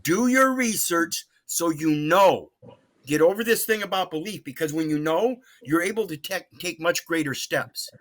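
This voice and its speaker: A man's voice: fairly high pitch, lively intonation, moderate pace, a bit bright. An American man calling in to a radio show, debating off the cuff in an earnest, insistent, preachy way. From Mississippi, United States. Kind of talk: unscripted call-in debate.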